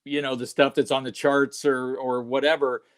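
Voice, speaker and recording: A man's voice: mid-range voice, level tone. A middle-aged man hosting an interview, chatty and full of stories, often starting over mid-sentence. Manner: chatty, storytelling, halting restarts. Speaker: show host. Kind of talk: casual interview chat.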